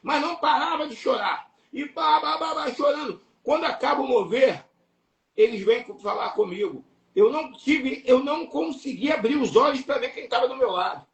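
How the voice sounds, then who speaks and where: A man with a Brazilian Portuguese accent preaching an impassioned sermon, emphatic and repetitive, breaking into shouts. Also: extremely high pitch, animated, moderate pace, gravelly, dull audio. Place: church or live stream hall. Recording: echoey room, voice from far off.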